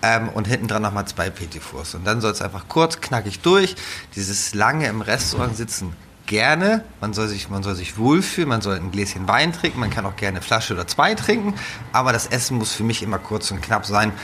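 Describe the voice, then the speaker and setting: A man from northern Germany, a head chef, talking casually in an interview, with a relaxed, rambling manner and many fillers and restarts. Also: fairly low pitch, moderate pace, a little hiss or hum.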